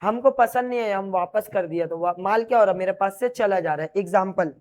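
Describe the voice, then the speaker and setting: A man's voice: high-pitched, fairly quick. Man teaching, quizzing students. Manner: repeats key terms as questions and answers them; explains while writing on a board. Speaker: commerce teacher. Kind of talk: classroom lecture to students.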